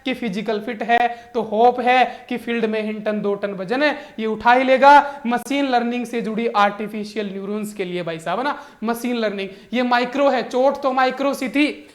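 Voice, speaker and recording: A man, teaching exam current affairs through jokey mnemonics in an animated, playful way. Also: very high voice, normal speed. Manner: animated and joking, keeps calling the viewer brother. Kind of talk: comic mnemonic lesson.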